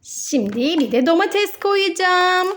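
A woman with a high, expressive voice and a fairly bright tone presents toy play for children. She improvises her narration slowly, simply explaining each small step to young viewers. A faint hiss or hum can be heard.

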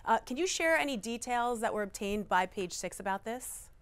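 A woman's voice: a little high, lively intonation, moderate pace, clear, resonant tone. A woman hosts an entertainment news interview from a studio, asking questions in an upbeat, easygoing way. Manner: upbeat, asks questions, laughs easily. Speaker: news show host. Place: studio with pink backdrop.

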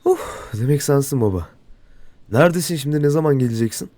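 A man's voice: medium pitch, expressive, fast, dark tone, dry recording, lightly acted. A man voicing a young male game protagonist in a casual, slightly defensive way, as an amateur game dub. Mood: uneasy.

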